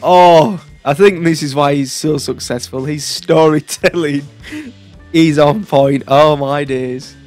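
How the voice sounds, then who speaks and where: A man's voice: fairly high pitch, fairly even intonation, slow, darkish tone, faint music behind. A man hosting a reaction video, chuckling through his comments on the clips.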